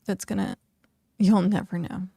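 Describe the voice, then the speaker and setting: A young woman game streamer chats casually while she plays, rambling and using "like" a lot. Her voice is fairly low, dark, and husky, with a sing-song lilt and a measured pace. The studio sound is clean, with no echo.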